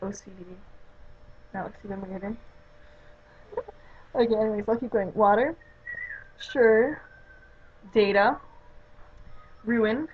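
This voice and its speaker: A woman's voice: mid-range voice, lo-fi sound, a little hiss or hum. Chatty Midwestern-born woman vlogging. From Chicago suburbs, US Midwest. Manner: chatty and rambling, with many fillers like "like" and "um". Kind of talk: casual vlog, reading an accent word list.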